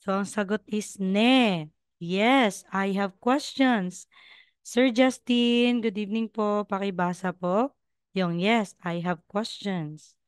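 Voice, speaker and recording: Woman, online teacher, slow, smooth, dry close sound, patient, repeats words. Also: medium pitch, no echo. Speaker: Korean language teacher. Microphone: video call.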